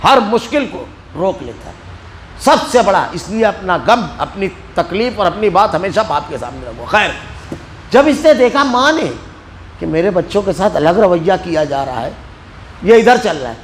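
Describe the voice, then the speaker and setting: A man with an Indian Urdu accent from Maharashtra, teaching a religious lesson in a mosque as an animated storyteller. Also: high voice, slight background noise, poor audio. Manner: animated storyteller acting out quoted speech. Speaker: Quran teacher.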